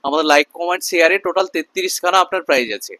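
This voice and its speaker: A man giving an emphatic, repetitive sales pitch as a shopkeeper in a promotional video. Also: steady tone, racing, pushed and bright, no room sound. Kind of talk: sales pitch to camera with customer chat.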